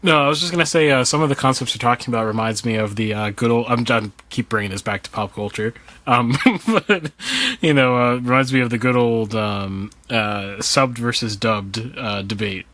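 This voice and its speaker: A man's voice: medium pitch, moderate pace, a bit bright, dry recording. A man chatting casually on a podcast, rambling loosely and laughing between thoughts. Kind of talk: casual chat.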